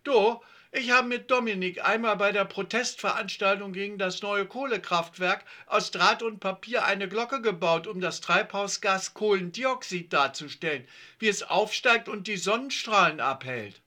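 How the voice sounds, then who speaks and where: A man's voice: high-pitched, moderate pace, pushed and bright, voice pushed up. A man voicing a bossy, practical schoolgirl in a children's story reading. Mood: eager bossy.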